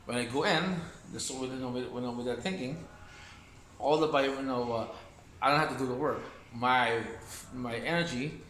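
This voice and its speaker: A man's voice: mid-range voice, fairly bright tone, slight background noise. A man teaching Wing Chun in a loose, rambling way, repeating himself and talking while he demonstrates moves. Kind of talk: casual martial arts demonstration talk. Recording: echoey room with faint ambience.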